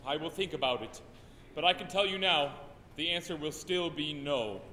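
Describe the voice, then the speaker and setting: A man playing a polite, unmoved middle-aged doctor with a deadpan manner in theatrical stage dialogue. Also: fairly high pitch, moderate pace, loud music behind the voice, close to an everyday voice. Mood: politely unmoved. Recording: echoey theater hall with audience noise.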